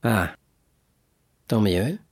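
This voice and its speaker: Man doing a sneaky jealous ship clerk, lower and sly, husky voice. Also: lively intonation, extremely slow, no echo, clean studio sound, exaggerated voice. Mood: insinuating. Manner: sly, insinuating. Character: jealous scheming male ship's accountant.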